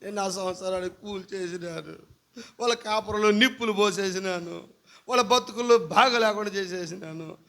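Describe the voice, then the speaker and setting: A male pastor voicing a wailing demon that boasts of wrecking homes, in a lower, mournful voice. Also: moderate pace, gravelly, a bit bright. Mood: lamenting.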